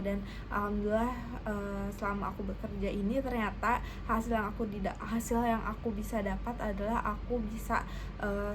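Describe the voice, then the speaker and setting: A woman in her twenties with a slightly hoarse voice, chatting casually and a bit hesitantly to camera as a vlogger. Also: medium pitch, background noise. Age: 20s. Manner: hesitant, self-conscious, informal. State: slightly hoarse from fasting thirst. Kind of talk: casual personal vlog chat to camera.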